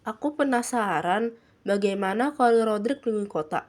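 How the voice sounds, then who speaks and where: A woman voicing a friendly young guide in a storybook reading, who speaks calmly and jokes easily. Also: medium pitch, moderate pace, natural voice.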